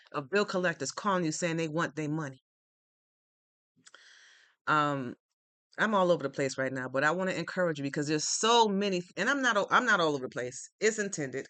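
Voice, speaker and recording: A man hosts a motivational live stream, offering earnest, repetitive, faith-based encouragement to viewers. His voice is slightly high, bright and forceful, with no echo.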